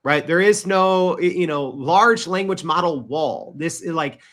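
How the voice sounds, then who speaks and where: Emphatic bright-voiced man guest. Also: on the high side, measured pace. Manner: emphatic, frequent "right?" and "you know". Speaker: podcast guest. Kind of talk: interview conversation.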